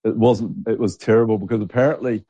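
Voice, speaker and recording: A man co-hosting a podcast, telling a story in relaxed casual chat. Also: on the low side, fast talker, slightly rough, no room sound. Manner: chatty anecdote-teller, laughs easily. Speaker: podcast co-host. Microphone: studio mic.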